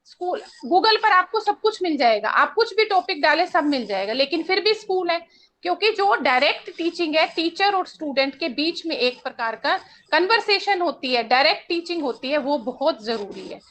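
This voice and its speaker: A woman's voice: very high-pitched, expressive, moderate pace, a bit bright. A woman speaking as a panel guest, insistent and argumentative. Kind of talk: panel discussion.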